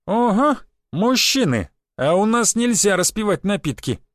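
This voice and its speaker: A man's voice: high-pitched, sing-song, measured pace, no echo, studio quality, pitched above the performer's own voice. A man voicing a stern, stout middle-aged female train conductor in an audiobook. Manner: strict, scolding, then mocking.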